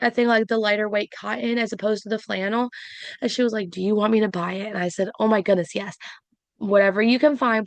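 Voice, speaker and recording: Hoarse, gravelly woman vlogger, chatty and rambling, dry close sound. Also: medium pitch, no echo. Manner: chatty, rambling, many fillers. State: hoarse, voice not fully back. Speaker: reseller vlogger. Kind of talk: casual sales recap vlog.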